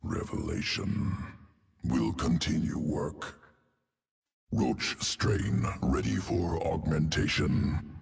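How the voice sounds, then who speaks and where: With a creaky bass voice, a man plays a cold, clinical insectoid alien geneticist in a video game. The exaggerated voice is a guttural growl of deliberate, clipped, telegraphic phrases without articles, recorded far from the mic.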